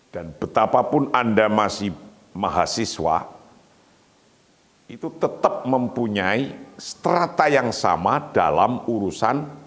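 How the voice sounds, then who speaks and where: A middle-aged man preaches at an unhurried pace, leaning hard on his points, and he sounds like he is in a big hall a long echo. He reads Arabic slowly, then explains it. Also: lowish voice. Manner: lively, emphatic teaching, recites Arabic slowly then explains. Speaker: Islamic preacher. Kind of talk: morning religious lecture.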